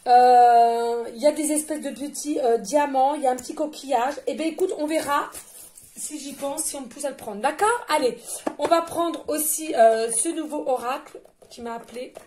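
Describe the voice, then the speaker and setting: A woman's voice: high-pitched, steady tone, normal speed, mellow, a little hiss or hum. A woman giving a channeled card reading, effusive and chatty, talking straight to her viewers. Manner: addresses listeners directly and often. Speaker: tarot and oracle card reader.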